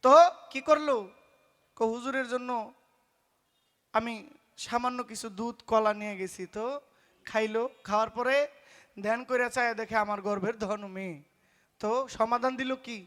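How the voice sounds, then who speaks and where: High, bright folk preacher. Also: male voice, steady tone, moderate pace, pauses often. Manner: loud and emphatic, acts out voices in the story. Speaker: folk singer preaching a story. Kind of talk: pala gaan storytelling sermon. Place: stage at a live folk performance.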